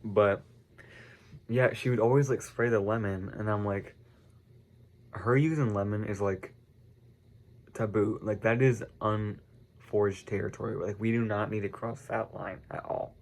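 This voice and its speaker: This teen vlogger from the United States sounds congested, with a lowish, fairly even voice that runs a little slow and a little mellow, broken by frequent pauses. Chatting casually to camera, he wanders from point to point, full of "um" and "like" and constant self-corrections.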